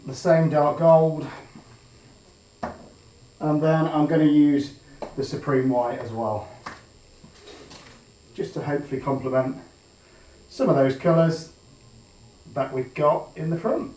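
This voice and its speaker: A man working through a resin pour, chatting casually with frequent ums and thinking aloud, in a plain even voice he calls monotone. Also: a little high, takes it slowly, pauses often. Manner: chatty, hesitant with frequent ums, changes his mind aloud. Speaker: resin artist demonstrating a pour. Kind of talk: casual tutorial talk while working. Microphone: built-in camera mic, his usual mic out of action. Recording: echoey room, voice picked up from a distance.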